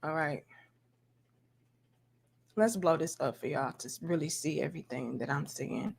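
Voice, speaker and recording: A woman's voice: sits low, normal speed, vocal fry, slightly rough. A woman hosting a casual opinionated livestream, skeptical and emphatic, with sarcastic exposé-style commentary and colloquial address to her viewers. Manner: skeptical, sarcastically mimics opposing views; emphatic, punchy delivery with rhetorical questions. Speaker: livestream host.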